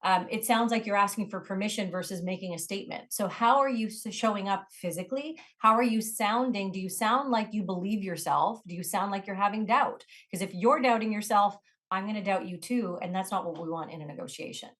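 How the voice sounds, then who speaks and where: A woman speaking as a negotiation trainer in an interview, her voice sitting at a middle pitch. She delivers her advice in a direct, emphatic, instructive way, pressing each point home. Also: a little fast, few pauses, fairly bright tone. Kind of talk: interview answers, coaching advice.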